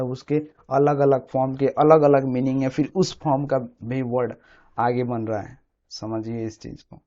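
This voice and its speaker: The dull, lo-fi audio captures a man of medium pitch and darkish tone giving a step-by-step English grammar lesson. He hammers key words through repetition and regularly asks "samajh rahe hain na?" to make sure the listener keeps up.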